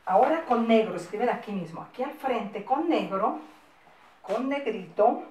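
A woman's voice: fairly high pitch, animated, normal speed, dark tone, recorded from a distance. A woman, a primary school teacher giving a recorded class to young children, dictating patiently with coaxing questions and many diminutives. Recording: echoey room, mic set back.

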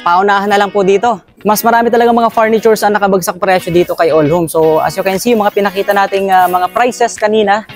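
Filipino vlogger, male, high-pitched, accented, casual price-by-price warehouse walk-through, faint background music. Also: steady tone, fast. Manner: lists items and prices with frequent "no?" tags. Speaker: vlogger touring a warehouse sale. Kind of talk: walk-through shopping vlog. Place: large indoor warehouse.

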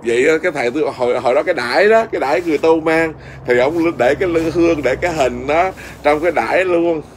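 A little hiss or hum sits under this middle-aged monk's fast, fairly high-pitched voice. The Buddhist monk, speaking with a Southern Vietnamese accent, rambles through a story in relaxed conversation, restarting often and using many fillers.

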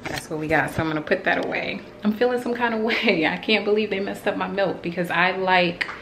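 With a mid-range voice and a slightly fast pace, a woman in her thirties talks over background noise in her home kitchen. Recording on a handheld phone, the vlogger shows her groceries and chats casually about cleaning, venting between small laughs.

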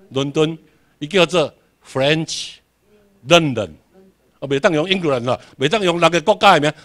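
This is an emphatic classroom lecture by a Taiwanese-accented man from Tainan, whose voice sits on the high side with a fairly bright tone. He raises rhetorical questions and then answers them, drilling key words through repetition.

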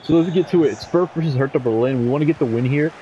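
A young man giving casual, chatty commentary over his football video game, bursting into excited shouts at goals. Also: on the high side, rapid-fire, highs cut off, a little hiss or hum. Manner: excitable, shouts goal celebrations, chatty slang. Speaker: gaming YouTuber.

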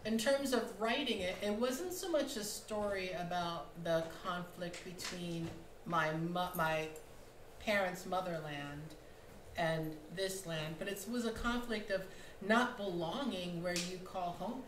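A woman's voice: lowish voice, measured pace. Reflective woman speaking on a theater panel. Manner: thoughtful, emphatic, often asks "right?". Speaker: playwright and producer. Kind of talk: panel discussion. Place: small theater stage, indoors. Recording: roomy hall, faint noise.

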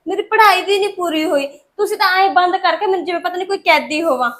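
A woman's voice: very high-pitched, racing, a bit bright. A young woman with a Punjabi accent playing a defiant daughter who pleads against a forced marriage in a short film drama. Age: young adult. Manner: pleading and defiant, often tearful. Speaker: daughter resisting arranged marriage.

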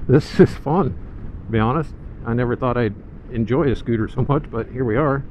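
A man's voice: mid-range voice, moderate pace. A man giving casual, easygoing riding commentary from inside a helmet as he vlogs on a scooter. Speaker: motorcycle vlogger. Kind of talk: casual first-ride vlog commentary while riding. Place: outdoors, riding a scooter through town streets. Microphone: mic inside a motorcycle helmet. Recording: muffled helmet mic, loud wind and road noise.

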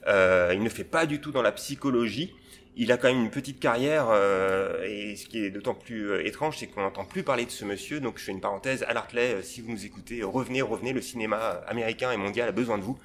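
A man presenting a favourite film director in a library video, enthusiastic and pausing often on fillers. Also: mid-range voice, fairly bright tone, a little hiss or hum. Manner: enthusiastic, hesitant with many fillers. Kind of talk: casual film recommendation. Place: library, indoors.

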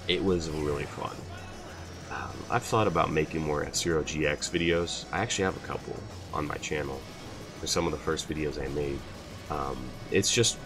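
A young man hosting his channel, answering viewer questions in a loose, rambling way with lots of fillers. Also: rumbling low. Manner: rambling, many fillers, laughs at himself. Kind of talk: casual Q&A chat.

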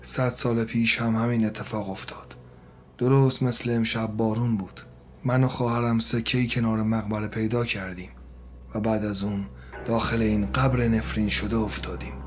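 A man's voice: lowish voice, steady tone, slight background noise, close to an everyday voice. A man voicing a cursed old hag spirit in a spoken horror story, telling her tale in a mocking, menacing way. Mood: gloating. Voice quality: grating voice in the script.

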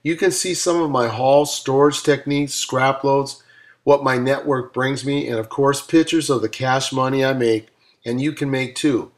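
A man's voice: medium pitch, fairly even intonation, moderate pace. A man reading his own audiobook aloud in an upbeat, motivational coaching manner, with casual asides. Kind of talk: self-read audiobook narration.

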